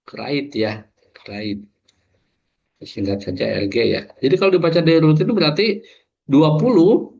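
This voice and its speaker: Gravelly man teaching online. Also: mid-range voice, darkish tone, dull audio. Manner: explains step by step, many fillers and asides. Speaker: lecturer. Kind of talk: online class lecture. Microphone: video call.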